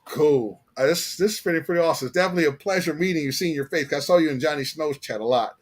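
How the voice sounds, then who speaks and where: A man's voice: a little high, very fast. Slangy American man hosting a live stream. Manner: slangy, repeats phrases for emphasis. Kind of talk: casual live chat.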